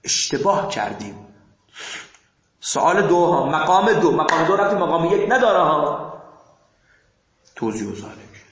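A man teaching a class in a lecture, moving between quiet asides and emphatic rising bursts. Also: on the high side, sing-song, long pauses, reverberant, rough recording. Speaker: seminary teacher.

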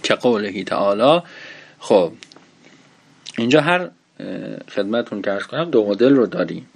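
A man teaching an Arabic grammar lesson, explaining patiently, asking and answering his own questions and reading Arabic text slowly. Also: fairly low pitch, expressive, gravelly, slightly rough.

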